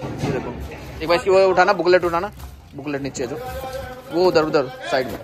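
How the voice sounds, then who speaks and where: A man in his thirties from India, a wholesale seller walking through a warehouse and pitching stock to viewers in a brisk, casual vlog. He is filmed on a handheld phone as he moves around the site. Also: over music. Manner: brisk salesman pitch, addresses viewers as guys. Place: large warehouse and loading yard, partly outdoors. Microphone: handheld phone selfie camera, moving around.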